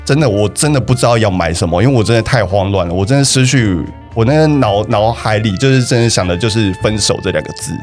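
Soft-spoken young man with a Taiwanese Mandarin accent, low voice. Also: quick pace, few pauses, faint music behind. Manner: hesitant, repeats words and restarts often. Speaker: guest telling his breakup story. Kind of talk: casual podcast storytelling.

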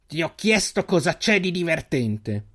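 A man's voice: a little high, very animated, moderate pace, voice pushed up. A man voicing a cruel, sneering male bandit leader in an audiobook, with a slimy, taunting delivery. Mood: menacing.

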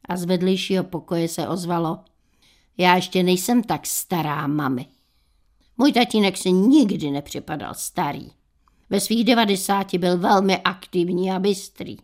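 An older woman in her sixties reads humorous anecdotes on air as a radio host. Her voice sits a little low, and she delivers each story in a dry, unhurried manner. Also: darkish tone.

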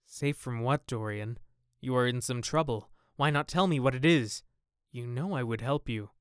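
A man's voice: mid-range voice, normal speed, clean tone, no echo, studio quality, lightly acted. A man doing a cynical, drawling aristocrat. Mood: prodding. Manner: languid, drawling, epigrammatic. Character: witty, cynical aristocratic gentleman.

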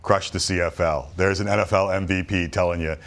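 Deep-voiced male sports radio host. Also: brisk. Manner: excitable, jumps into loud reads. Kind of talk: sports talk radio hosting.

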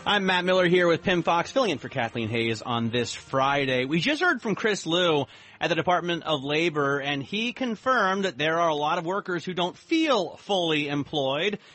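A man's voice: a little high, expressive, normal speed, pushed and bright, soft background music. A man co-hosting a radio show, introducing segments in a conversational style.

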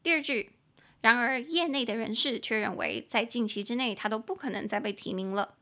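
A young woman hosting a casual podcast lesson, chatting in a relaxed way and slowing down to model and spell English phrases. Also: a little high. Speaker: podcast host teaching English.

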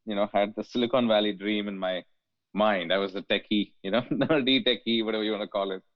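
Guest, man, 40s, from India; low voice, halting delivery, dry phone-like audio. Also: steady tone, no room sound. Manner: hesitant, many fillers and restarts. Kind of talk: casual interview conversation.

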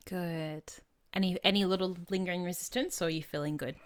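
A woman with a fairly low voice leads a guided tapping session, calm and gently guiding. She speaks short phrases for someone to repeat back, then chats warmly about how it went. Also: a little fast. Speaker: host and tapping practitioner.

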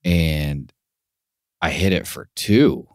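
This is a young man in his late twenties with a very low voice, rambling casually through a story on a podcast. He swears freely and doesn't rush to the point. The sound is close and dry, with no room around it. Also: slow pace, a little mellow, no room sound. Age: 20s. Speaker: podcast co-host. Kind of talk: casual chat.

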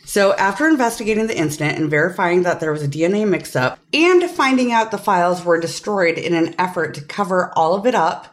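A woman's voice: lowish voice, lively intonation, fairly quick, few pauses. A woman hosting a podcast, explaining a case in casual chat and swearing casually. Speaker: podcast host.

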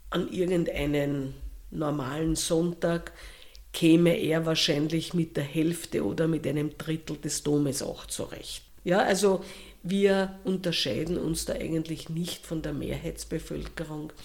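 A woman with an Austrian accent, answering interview questions in a slow, thoughtful way with pauses and restarts. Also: low voice, fairly even intonation, a little mellow. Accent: Austrian German.

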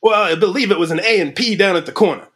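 A man's voice: high voice, fairly bright tone, husky. A man playing a bumbling detective in an improvised comedy interrogation, stumbling and restarting his questions. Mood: deadpan. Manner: halting, stumbling over questions. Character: bumbling male detective with a self-declared accent.

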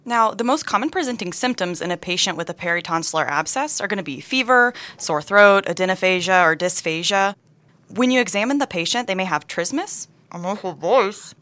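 A woman's voice: mid-range voice, animated, fairly quick, bright, forceful tone, no echo. A woman doctor co-hosting a scripted emergency medicine teaching podcast, with dry teasing asides.

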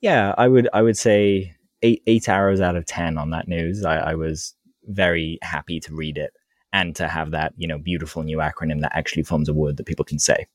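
Deep-voiced man explaining calmly. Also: a little fast, no echo, clean studio sound. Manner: laughs easily, explains plainly. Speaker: podcast co-host. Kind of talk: casual podcast chat and explanation.

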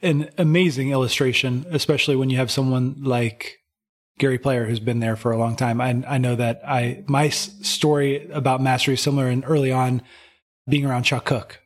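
A man's voice: medium pitch, fairly even intonation, a little fast. A man co-hosting a podcast and coaching, speaking thoughtfully in casual chat with frequent "like" fillers.

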